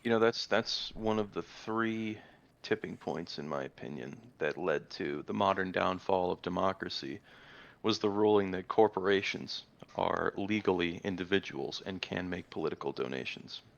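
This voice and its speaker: A very deep-voiced man with a gravelly edge chats casually as a podcast co-host. He drops dry, sarcastic remarks. The sound is dull and lo-fi. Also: normal speed. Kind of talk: casual chat.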